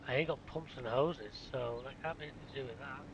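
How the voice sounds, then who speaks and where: Stuffed up with a cold, this man mutters and grumbles at a farming game on his YouTube channel, poking fun at himself as he plays. He speaks fast in a mid-range voice over dull audio, with game sounds and vehicle noise behind him.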